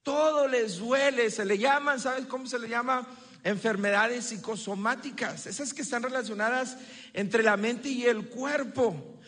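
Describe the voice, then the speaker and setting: A man with a very high, bright voice preaches in a lively style, tossing questions to the congregation. His slow, deliberate delivery rings with the long reverb of a big church hall. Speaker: pastor. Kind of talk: sermon.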